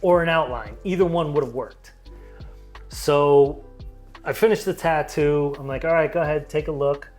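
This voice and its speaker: A man's voice: a little high, moderate pace, darkish tone, soft background music. A man telling a long story from his tattoo work in casual chat, rambling and full of "you know" and "like". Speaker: tattoo artist.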